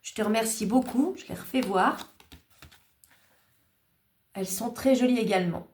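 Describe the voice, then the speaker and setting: A craft-channel host casually shows off cards she received, chatting gratefully, thanking each maker, and hesitating slightly now and then. Her voice is fairly high and somewhat dark, at a normal speed, in an echoey room.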